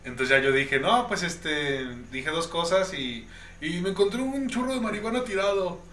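A man's voice: high voice, lively intonation, normal speed. Mexican man in an echoey, noisy room. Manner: slangy, teasing interjections. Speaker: podcast co-host. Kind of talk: casual chat, storytelling. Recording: echoey room with loud background noise.

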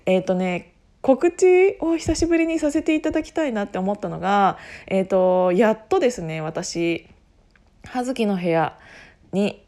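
A woman with a husky, hoarse voice chatting casually on her own, rambling and often interrupting herself in a self-deprecating way. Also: mid-range voice, warm tone. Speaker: podcast host making an announcement. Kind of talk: casual solo chat.

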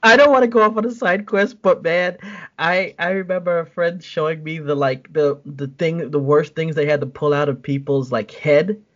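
An easygoing man with a fairly high voice chats on a podcast, stumbling over repeated words now and then. The audio is a little muffled. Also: moderate pace, a bit bright. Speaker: podcast co-host. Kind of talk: casual chat.

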